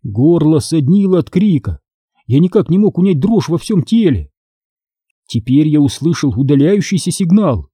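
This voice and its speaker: A man reading an audiobook aloud in a dramatic, expressive storytelling manner. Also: on the high side, slightly rough, dry recording, clean studio sound. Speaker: audiobook reader.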